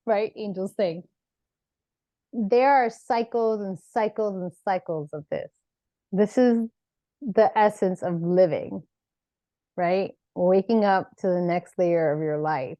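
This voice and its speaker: A woman's voice: mid-range voice, takes it slowly, warm tone, no echo, lo-fi sound. A woman, an actor and author, talking earnestly as a podcast guest about her spiritual path, often tagging her thoughts with "like" and "right?". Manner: earnest, rambling, peppered with "like" and "right?". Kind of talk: reflective spiritual conversation.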